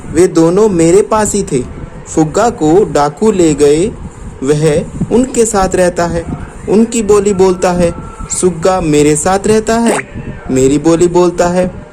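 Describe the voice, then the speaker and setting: A man's voice: takes it slowly, dark tone, a little hiss or hum, rough recording. A man voicing a wise old hermit sage. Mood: explaining. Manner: patient explaining tone, raised and higher than his own voice.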